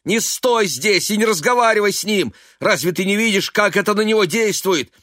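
A man's voice: mid-range voice, sing-song, very slow, bright, forceful tone, no room sound, clean studio sound, pitched above the performer's own voice, exaggerated voice. A man voicing a young adult son who urgently pleads with his drunk father and his mother. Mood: pleading.

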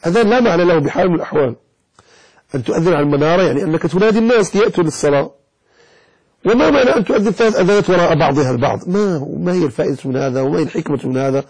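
Male sheikh, lecturing and scolding, husky and breathy, sings out prayer-call lines as examples. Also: fairly high pitch, rapid-fire, darkish tone, low-quality recording. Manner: chants the call to prayer to show right and wrong pronunciation. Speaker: sheikh teaching Islamic jurisprudence. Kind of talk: religious lesson explaining a text.

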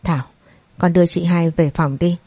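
A woman plays a frightened mother comforting her daughter in tender words. The voice is low and mellow, recorded dry. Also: fairly even intonation, normal speed, no room sound. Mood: soothing. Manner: soothing, tender.

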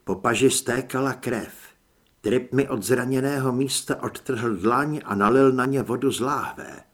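A man narrating an audiobook in a dramatic first-person reading. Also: mid-range voice. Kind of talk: scripted narration.

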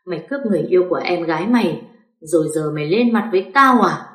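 A woman's voice: fairly low pitch, expressive, fast talker, fairly bright tone, reverberant. A woman voicing a bitter, cruel sister-in-law who sneers and spits venom. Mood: venomous.

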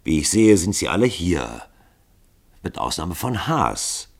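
A man voicing a cold leader who speaks in a slow, even monotone. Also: low-pitched, full character voice.

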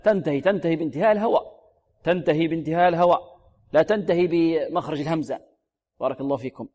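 A man teaching Quran recitation rules. He draws out each example word slowly, repeats it many times, and asks questions that he then answers himself. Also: on the high side, mellow, in a large hall. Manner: slow, drawn-out demonstrations of words, repeated many times. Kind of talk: tajweed lesson with recited examples.

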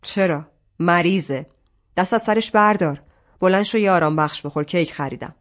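A woman reading an audiobook, voicing a tired father who talks in a low, weary but firm way. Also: highs cut off, close to an everyday voice. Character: tired, weary father defending his son.

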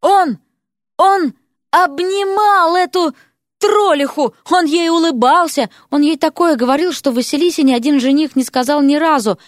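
A woman's voice: sits high, normal speed, dry recording, clean studio sound, voice pushed up, lightly acted. A woman voicing a jealous, spiteful woman ranting indignantly. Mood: furious.

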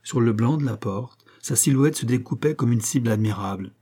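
A man narrating a novel in a measured, steady reading style. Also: medium pitch, slightly rough. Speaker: audiobook narrator. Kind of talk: scripted narration.

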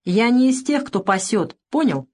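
A woman voicing a calm, unflappable male convict in an audiobook, speaking coolly and curtly. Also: mid-range voice, normal speed.

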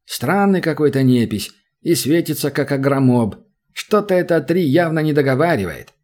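A male audiobook reader plays a skeptical ranger. He drawls slowly with a husky tone, always doubting what he hears. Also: a little high, lively intonation, darkish tone. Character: skeptical male forest ranger, wry and grumbling.

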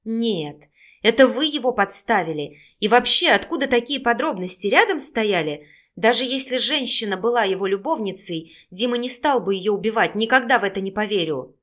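Female reader doing a defiant young woman, sharp and stubborn. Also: fairly high pitch, expressive, moderate pace.

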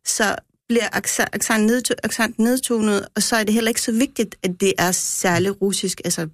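A woman guest explains her views in a casual radio discussion, often restarting her sentences. Her voice sits at a middle pitch. The studio sound is dry and close. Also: steady tone, no echo. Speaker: guest critic who speaks Russian.

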